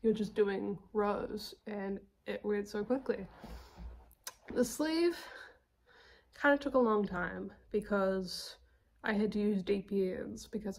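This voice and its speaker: A young woman with a southern New Zealand accent, chatting casually about her knitting projects, self-deprecating and quick to laugh. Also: medium pitch, vocal fry. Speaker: knitting podcast host.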